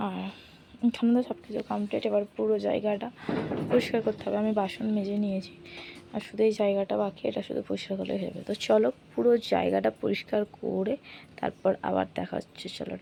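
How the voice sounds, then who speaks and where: A woman's voice: mid-range voice, level tone, fast talker, creaky, mellow, a little hiss or hum. A young woman vlogging casually from her home kitchen, chatting through each cooking step for her viewers on a handheld phone. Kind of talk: casual vlog narration.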